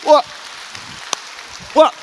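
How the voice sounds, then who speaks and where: A male pastor preaching a sermon, telling a story in a lively way and often calling out to the congregation directly. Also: drawn-out words, a little hiss or hum. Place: church hall. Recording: echoey church hall.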